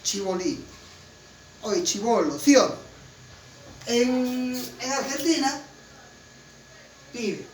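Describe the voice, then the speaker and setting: A man's voice: very high-pitched, lively intonation, very slow, long pauses. A man with a Peruvian Spanish accent from Huancayo, teaching a class in an emphatic way and often asking students to confirm. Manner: emphatic, keeps checking with students. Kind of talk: classroom lecture. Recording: roomy, distant, faint room noise.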